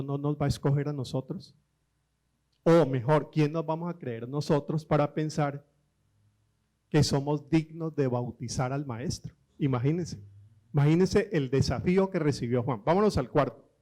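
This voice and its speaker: A man preaching a sermon, telling stories with quoted voices and humor, slowing down for emphasis. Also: fairly high pitch. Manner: lively, slows down for emphasis.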